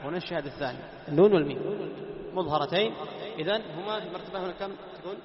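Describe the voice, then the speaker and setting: A man teaching a class, quizzing his students, repeating key terms and slowing down to recite examples. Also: high voice, a crowd in the background. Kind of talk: classroom lesson on tajweed. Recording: echoey hall, dull lo-fi sound.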